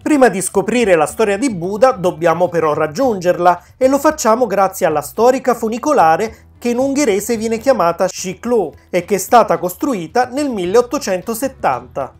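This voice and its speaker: A woman narrating a travel vlog in a calm, informative tour-guide manner. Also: medium pitch, normal speed, few pauses, faint music behind. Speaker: travel vlogger.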